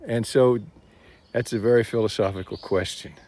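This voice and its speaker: A man's voice: mid-range voice, steady tone, moderate pace, a little mellow. A man with a Texan accent, talking casually to his phone while walking outdoors on a trail, rambling and thinking aloud. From Texas. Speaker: vlogger.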